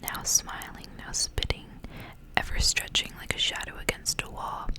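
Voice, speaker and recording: A woman whispers a story in a fully breathy, unvoiced hush. Her soft, intimate ASMR-style delivery has measured phrasing, like a storyteller reading from a book.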